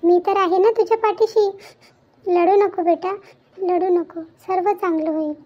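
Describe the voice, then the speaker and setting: A woman voicing an aging widowed mother in a cartoon, gentle and comforting. She talks in a soothing, motherly way. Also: very high voice, fairly even intonation, measured pace. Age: older. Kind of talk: Marathi cartoon voice acting. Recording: dull lo-fi with faint background music.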